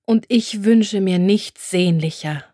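A hulking, lovesick man presses his proposal in slow, muffled, insistent words, as a woman narrating the book puts him on. The sound is dry and close-miked. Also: mid-range voice, mellow, dry recording. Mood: desperate. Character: big strong man, desperate, lovesick, insistent. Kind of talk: audiobook character voice.

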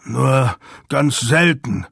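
A man voicing a suave, coldly courteous male agent in an audiobook, speaking softly with quiet menace. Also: mid-range voice, expressive, vocal fry, breathy edge, no room sound, clean studio sound, exaggerated voice. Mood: silky menace. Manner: soft, courteous, unhurried.

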